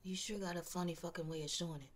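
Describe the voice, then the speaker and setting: A woman's voice: on the low side, steady tone, quick pace, lightly acted. An actress playing a bitter, grieving mother in a film drama, intense and profane, repeating phrases for emphasis. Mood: seething, contemptuous. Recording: music behind the voice.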